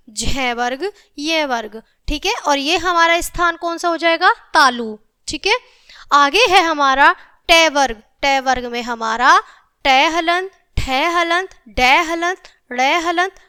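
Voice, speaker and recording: A woman teaching a grammar lesson to children. She spells out letters slowly and keeps checking in with "theek hai". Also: sits high, bright, forceful tone.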